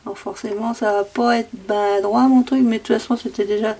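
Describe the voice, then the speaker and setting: Creaky-voiced woman chatting while crafting. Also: medium pitch, steady tone, brisk, noisy background. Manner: thinks aloud, repeats her own phrases in a sing-song way. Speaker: crafting video maker. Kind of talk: casual talk while crafting.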